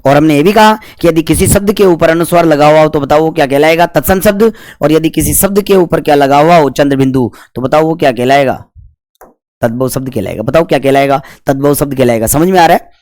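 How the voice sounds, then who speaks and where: Male grammar teacher, slightly high voice, dry close recording; self-answering exam-prep drill style. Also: a little mellow, no echo. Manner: asks questions and answers them himself; stretches out syllables to demonstrate pronunciation.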